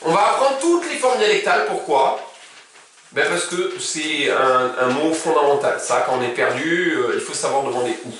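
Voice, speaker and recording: A man gives a casual, chatty language lesson with a fairly high voice that swings up and down a lot. He sounds set back from the mic, in a room full of strong echo. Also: animated, normal speed, fairly bright tone, recorded from a distance, slight background noise. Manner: casual and chatty, with conjugations recited in a row. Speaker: Arabic teacher. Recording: very echoey room, speaking from away from the mic.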